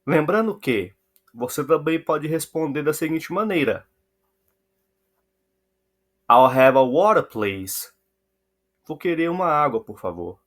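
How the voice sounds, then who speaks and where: A man teaching English to Portuguese speakers, saying each model phrase slowly and repeating it for practice. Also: a little high, animated.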